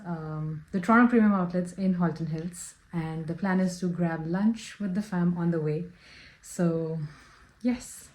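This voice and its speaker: A woman's voice: lowish voice, dark tone. A woman chatting casually to her viewers as a lifestyle vlogger, upbeat and talkative. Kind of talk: casual vlog chat.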